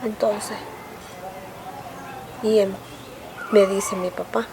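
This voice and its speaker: A woman's voice: medium pitch, fairly even intonation, drawn-out words, warm tone, a little hiss or hum. An older woman telling her story in a plain, rural storytelling way, quoting what she once said. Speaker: survivor giving testimony. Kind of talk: spoken testimony in a documentary. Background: music.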